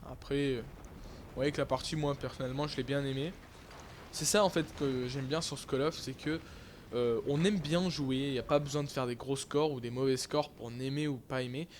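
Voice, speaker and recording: Rambling young gamer. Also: male voice, medium pitch, fairly even intonation, normal speed, slight background noise. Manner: casual, rambling, many fillers and restarts. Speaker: gaming YouTuber. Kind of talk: live gameplay commentary.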